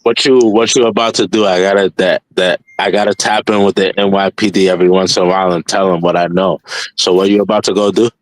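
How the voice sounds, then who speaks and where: Male, lowish voice, dry sound, informal slangy talk with repeated phrases. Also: flat delivery, fast talker, no echo, low-quality recording. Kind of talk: casual group chat.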